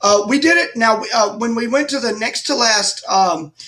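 High-voiced animated middle-aged man from Texas. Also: moderate pace. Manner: animated anecdotes with lively acted-out quotes. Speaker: guest musician. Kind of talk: casual storytelling interview.

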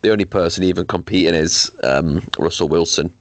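Man, low voice, dry close sound, podcast host, casual chat. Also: fairly quick, no echo. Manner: leads the segment, many restarts.

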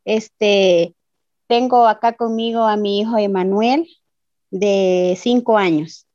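A woman from El Salvador with a Salvadoran accent, giving a slow, hesitant personal testimony as a migrant, with many fillers. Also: medium pitch, steady tone, mellow, dry recording, dull audio. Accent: Salvadoran Spanish. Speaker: interviewee, migrant. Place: Ciudad Juárez.

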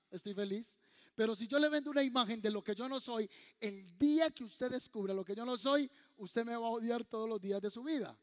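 High-voiced pastor preaching. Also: male voice. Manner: animated, humorous preaching with acted-out voices. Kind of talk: sermon. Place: large church hall. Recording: long hall reverb.

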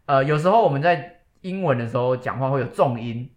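A young man from Taiwan, co-hosting a casual podcast chat, jokey and leading the talk. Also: medium pitch. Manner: quick, lively, jokey, leads the talk. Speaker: podcast co-host.

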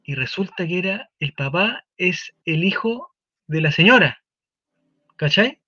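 A Chilean man hosting a casual talk show, animated and swearing as he tells a story. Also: high voice, a little slow, dry recording, dull audio.

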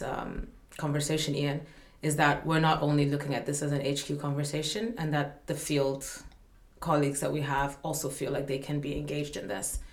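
A woman from Malawi who represents humanitarian staff speaks earnestly as a guest in a podcast conversation, often circling back with fillers and restarts. Her voice is low-pitched, and the room is echoey.

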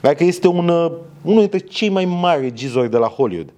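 A man hosting a podcast in casual chat, relaxed and joking with his guest. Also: a little high. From Romania. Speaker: podcast host.

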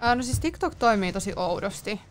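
A woman's voice: mid-range voice, lively intonation, noisy background. A woman in her twenties from northern Finland, a guest chatting casually with lots of fillers. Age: 20s. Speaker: guest, content creator. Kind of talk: casual chat.

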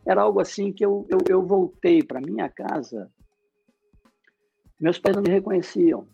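Gravelly, husky man preaching a testimony. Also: high-pitched, normal speed, warm tone, dry recording, muffled recording, soft background music. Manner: emotional storytelling with many restarts. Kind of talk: sermon testimony.

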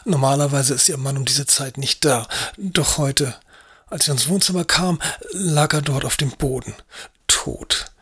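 A man voicing a nervous middle-aged lover who speaks quietly and hesitantly. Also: mid-range voice, unhurried, breathy edge. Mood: hushed. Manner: hushed, hesitant. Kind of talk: audiobook acting.

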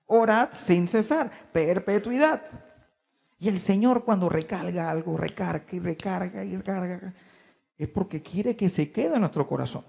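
A man's voice: sits high, expressive, creaky, a little mellow, slightly rough. Preacher guy, drags out the big words, keeps asking the church questions, lots of hall echo. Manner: emphatic, stretches key words slowly, asks the congregation questions. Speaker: pastor. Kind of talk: sermon.

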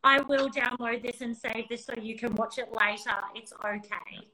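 A woman's voice: a little high, fairly even intonation, normal speed, bright, forceful tone, low-quality recording. A woman co-hosting a casual chat, talking in a breezy, joking way with casual swearing. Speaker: co-host.

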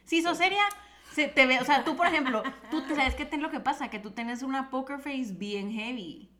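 A woman chats with friends on a podcast. She talks in slangy, filler-heavy bursts. Her voice sits a little high. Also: normal speed, pushed and bright. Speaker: podcast co-host. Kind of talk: casual chat.

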